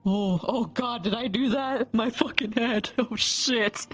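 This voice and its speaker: A woman's voice: a little high, slow pace, breathy edge, soft background music. A woman bantering in character during a tabletop game, teasing, giggling and swearing freely.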